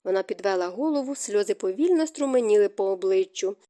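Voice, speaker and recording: A woman reading a novel aloud as an audiobook narrator, in a calm, measured manner. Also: mid-range voice. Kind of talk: scripted narration of a romance novel.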